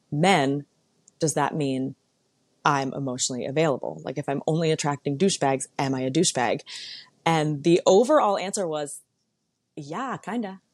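A woman with a low voice hosts a casual solo talk, candid and conversational with a sarcastic edge. The sound is dry and close, with no room around it. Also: dry recording. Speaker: podcast host. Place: lives in San Diego.

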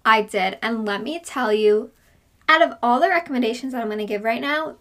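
Overheated woman podcasting from inside a closet, sharp bright voice, says like a lot. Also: a little high, animated, a little fast. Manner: gushing, emphatic, heavy use of "like". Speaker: podcast co-host. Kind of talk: casual chat. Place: inside a small hot closet.

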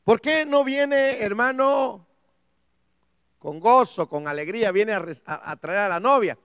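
A male pastor preaching a sermon, swinging from hushed asides to shouts and often addressing listeners as brother. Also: sits high, measured pace, clean tone, dry recording. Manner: keeps calling listeners "hermano".

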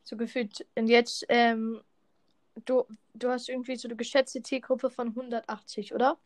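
A woman's voice: fairly high pitch, flat delivery, normal speed, no echo. Teasing, dry-voiced woman. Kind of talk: casual chat while opening in-game rewards.

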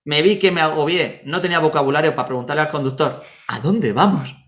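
A man's voice: on the high side, fast. A man from Murcia with a Spanish accent, telling personal stories in a casual chat and acting out the dialogue. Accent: Spanish from Spain. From Spain, Murcia. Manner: animated anecdotes, acts out dialogue.

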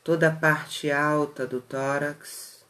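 A guide leading a relaxation meditation in a soothing, unhurried manner, with short phrases and long pauses. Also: medium pitch, flat delivery, a bit bright. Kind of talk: slow guided meditation narration.

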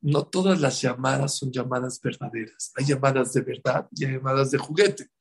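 A man's voice: mid-range voice, moderate pace, gravelly, husky. A man giving a religious talk, telling stories and repeating words for emphasis. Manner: storytelling, acting out quotes, repeats words for emphasis. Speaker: religious speaker. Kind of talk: sermon.

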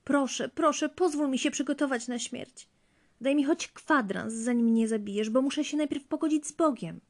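A woman's voice: mid-range voice, fairly quick, creaky, dark tone, slightly rough. A woman voicing a frightened young wife who stammers and pleads for her life, in a spoken fairy tale. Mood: pleading.

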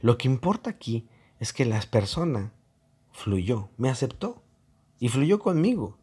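A man's voice: mid-range voice, very animated, unhurried, darkish tone, breathy edge. A man giving a reflective monologue, mocking and acting out both sides of online arguments.

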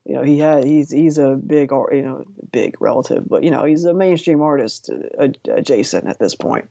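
A man's voice: medium pitch, moderate pace, creaky, warm tone, no room sound. Male co-host, casual chat, hesitant and wry, close and dry sound. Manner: rambling, hesitant, dryly sarcastic. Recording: dull lo-fi dry audio.

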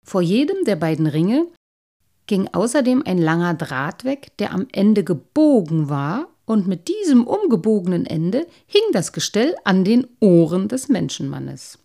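Woman, storyteller, children's story read aloud, expressive, very lively melody. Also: medium pitch, measured pace. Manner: expressive, animated reading.

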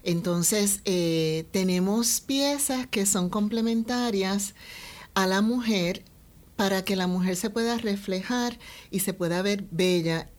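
A Puerto Rican woman, a fashion designer, answering interview questions in a measured, thoughtful way. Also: medium pitch. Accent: Puerto Rican Spanish. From Puerto Rico.

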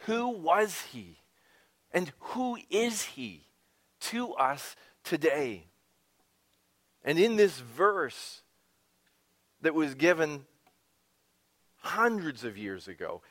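Man preaching an expressive sermon. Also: fairly high pitch. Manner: expressive preaching, dropping to a whisper and rising for emphasis; conversational asides to the congregation. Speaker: pastor.

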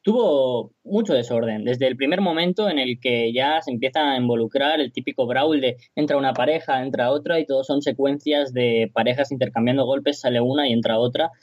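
A man's voice: mid-range voice, fairly quick, hardly any pauses, no room sound. A man speaking as a wrestling commentator, giving conversational, reflective analysis with his own opinions.

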